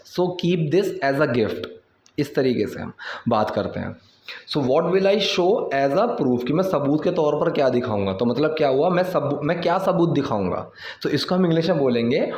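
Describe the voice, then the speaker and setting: A man's voice: a little high, darkish tone. Man teaching English in a roomy echo. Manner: slows right down to read English lines word by word. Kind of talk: casual Hindi lesson on English phrases.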